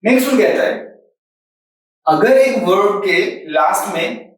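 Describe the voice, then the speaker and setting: A man explains grammar rules in a patient lesson, repeating example words and spelling them out. His voice sits fairly high for a man. He is recorded from a distance in a strongly echoing room. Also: expressive, measured pace. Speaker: English grammar teacher.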